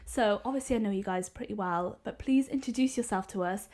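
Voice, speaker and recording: A woman's voice: mid-range voice, a little fast, a little mellow. A young Welsh woman, a Welsh speaker, hosting a casual podcast interview at her family home in a chatty manner. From Wales. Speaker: podcast host.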